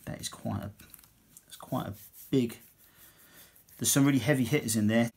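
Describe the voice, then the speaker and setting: A man's voice: medium pitch, moderate pace, vocal fry, darkish tone, husky. A man casually reviewing a hobby magazine, reading passages aloud and adding dry asides. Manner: chatty, dry asides, reads text then comments.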